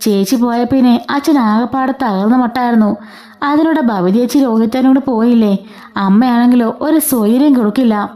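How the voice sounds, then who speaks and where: A woman's voice: a little high, moderate pace, mellow, lightly acted. A woman voicing a distressed young daughter who pleads for her ailing father. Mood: pleading. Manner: pleading, upset.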